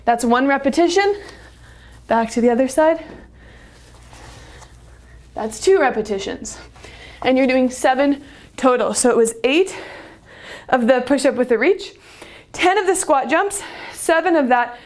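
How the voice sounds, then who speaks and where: Fitness instructor, woman, high voice, upbeat cueing, winded from exercising. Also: a little slow, pauses often, darkish tone. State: out of breath. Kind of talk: workout demonstration.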